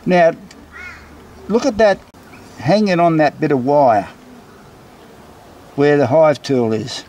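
Bees buzz audibly throughout this rough recording of a man inspecting a hive next to a brick house. He narrates casually for his vlog, explaining as he films. His voice is a little high and a little mellow, and he speaks slowly.

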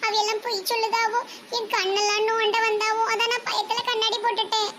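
A woman's voice: very high voice, level tone, a little fast. A woman playing a spoiled, lying young daughter of a village headman, whiny and cheeky, with a Tirunelveli Tamil accent. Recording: loud background noise.

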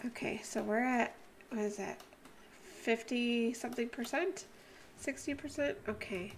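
A young woman casually commenting on her gameplay, exclaiming loudly at the animals and dropping to a hush when she sneaks around. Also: a little high, measured pace, slight background noise. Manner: excitable, exclaiming and talking to the animals; drops to a hushed voice while sneaking. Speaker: gaming channel host.

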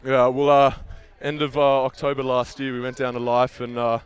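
A man's voice: medium pitch, flat delivery, normal speed, smooth. A young man, a team captain, giving earnest post-match interview answers on an outdoor field through a headset. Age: young adult.

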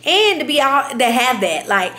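Bright, high-voiced woman chatting. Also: big pitch swings, moderate pace, slight background noise. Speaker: vlogger. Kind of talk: casual chat. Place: indoors at a home dining table. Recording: echoey room.

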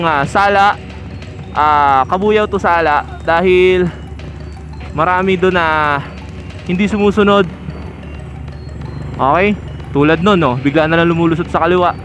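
A chatty man talks riders through road rules from his moving motorbike, his voice sitting fairly high. He points things out as he rides, recorded outdoors on a helmet-mounted camera. Music plays clearly underneath. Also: fairly bright tone. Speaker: motovlogger. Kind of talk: casual commentary while riding. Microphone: helmet-mounted action camera.

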